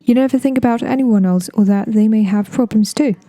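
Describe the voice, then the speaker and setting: A woman's voice: fairly high pitch, fairly quick, warm tone, natural voice. A woman voicing a complaining, needling young man in an audiobook, with an English accent. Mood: plaintive. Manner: plaintive, complaining.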